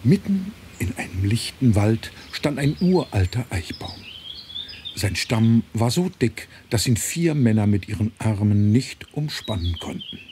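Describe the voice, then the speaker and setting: A middle-aged man narrates a children's storybook as a scripted audiobook, his voice mellow and on the low side. Birdsong and forest ambience play behind him, and there's a little hiss or hum.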